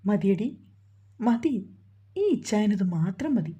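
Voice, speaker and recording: Brief: woman reading a tender, protective young man, husky and mellow, dull lo-fi sound. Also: mid-range voice, lively intonation, slow pace. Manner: tender, coaxing.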